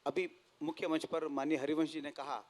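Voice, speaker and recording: A man in his fifties, a publisher, giving a measured, formal talk on a festival panel. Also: fairly high pitch, little pitch movement, rough recording. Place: stage at a literature festival.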